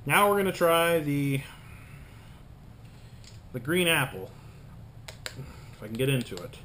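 A man in his thirties reviewing sour candy as he eats it, talking casually with hesitant pauses in a small room at home. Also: a little high, animated, a bit bright. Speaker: candy reviewer, video host. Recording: room noise, home camera recording.

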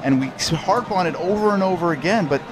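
A man's voice: high-pitched, quick pace. A man giving color commentary from the broadcast booth, enthusiastic and a little rambling. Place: press box booth. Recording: broadcast with music bed behind.

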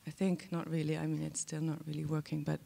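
This actress has a low, creaky, mellow voice that stays monotone while moving at a quick pace. Holding a mic on a theater stage for a festival panel talk, she speaks candidly and playfully, frequently starting her sentences over.

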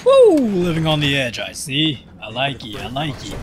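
A gaming channel host, young and tired, laughs and swears through a casual late-night let's-play, responding aloud to the game. He speaks at a moderate pace in a mid-range voice with huge pitch swings, and the recording is very noisy, with game music loud behind him.

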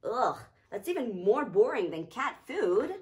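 A woman's voice: on the high side, very animated, a little slow. Woman reading as a picky hungry cat. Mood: fussy. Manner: fussy, whiny complaints.

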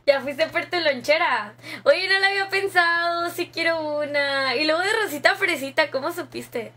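A woman's voice: very high-pitched, normal speed, pushed and bright. A young woman with a Mexican accent, chatting casually with viewers on a gaming stream, slangy and laughing often. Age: young adult. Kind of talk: casual live-stream chat reading viewer comments.

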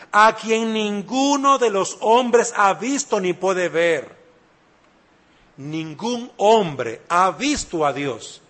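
A man's voice: sits high, a bit bright. A man preaching a sermon, emphatic and repeating key phrases, speaking straight to the listener. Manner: addresses listener directly.

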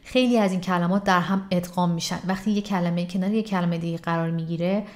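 A woman giving a casual English lesson, explaining quickly and slowing down to model example sentences. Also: fairly low pitch. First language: Persian. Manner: explains lively, slows down to model English phrases. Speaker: English teacher.

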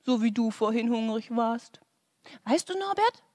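A woman's voice: on the high side, animated, measured pace, warm tone, no room sound, studio quality. A woman presenting a children's church show, telling a story playfully with lots of sound effects. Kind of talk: animated children's story with movements.

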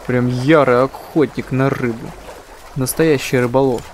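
A man's voice: medium pitch, steady tone, a little slow, slight background noise. A man hosting a gaming channel with casual let's-play commentary, musing aloud and joking.

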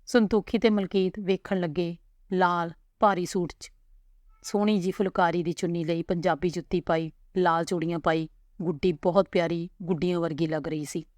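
A woman narrating a family story in a calm, unhurried reading voice. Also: on the low side, dry recording.

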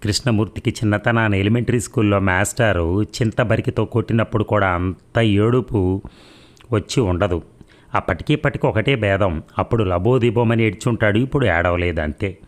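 A man narrating a romance novel aloud, with steady storytelling that slows for the dialogue. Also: fairly low pitch.

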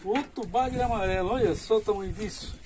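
A man on a fishing boat excitedly calling out about the catch, heard at a distance from the phone over wind and engine noise. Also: sits high, brisk. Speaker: fellow angler on the boat. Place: open fishing boat at sea, outdoors.

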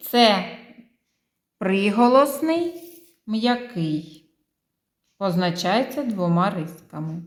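A woman teacher walks young children through a phonics lesson. She speaks very slowly and stretches out each syllable and sound so they can follow. Her voice rings a little in an echoey room. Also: medium pitch.

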